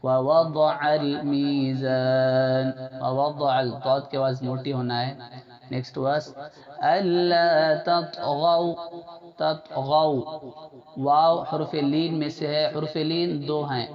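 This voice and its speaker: A Quran recitation teacher with a fairly high voice gives a slow, step-by-step tajweed lesson, repeating letters and phrases slowly for learners to copy and sometimes chanting verses in a drawn-out, melodic way. The recording sounds dull and lo-fi, with crowd noise behind.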